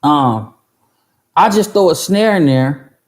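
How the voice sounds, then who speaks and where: Speaking slowly in a slightly high voice with lively intonation, a man in his 30s tells a long story on a livestream aimed at music producers. He rambles and swears, restarts often, leans on fillers, and responds to chat mid-story.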